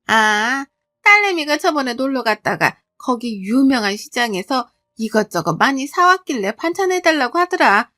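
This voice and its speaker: A woman's voice: sits high, sing-song, moderate pace, sharp tone, dry recording, clean studio sound, full character voice. A woman putting on a breezy older mother-in-law. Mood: offhand.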